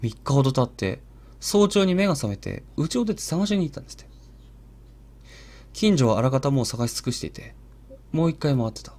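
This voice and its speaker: A man narrating a ghost story in a hushed, dramatic storytelling manner. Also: medium pitch, very animated, fairly quick, long pauses. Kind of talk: live ghost story telling.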